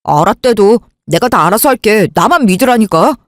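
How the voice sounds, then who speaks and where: This is a calm, evasive husband, voiced by a woman in a radio drama. He talks in a low, soothing, stalling way. The sound is close and dry, with no room around the voice. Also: brisk, no echo, natural voice. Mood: placating. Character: calm, evasive man, elder sister's husband. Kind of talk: Korean radio drama acting.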